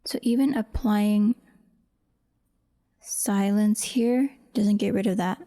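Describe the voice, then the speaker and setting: Speaking slowly with a warm tone at medium pitch, this woman is a voice actor casually narrating her audio editing on a screen recording. She talks to herself in brief, murmured fragments as she thinks aloud.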